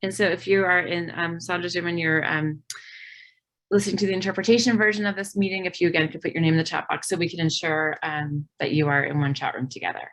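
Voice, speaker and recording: Woman, lowish voice, facilitator who talks earnestly with plenty of fillers. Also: fairly even intonation, fast talker, fairly bright tone. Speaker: meeting facilitator. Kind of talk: hosting a community video meeting. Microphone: video call.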